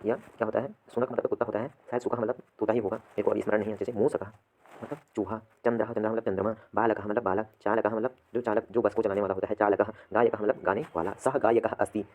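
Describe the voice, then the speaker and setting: A man teaches Sanskrit vocabulary in a classroom lesson. He repeats each word, then asks and answers his own questions at a patient, steady pace. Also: fairly low pitch, quick pace.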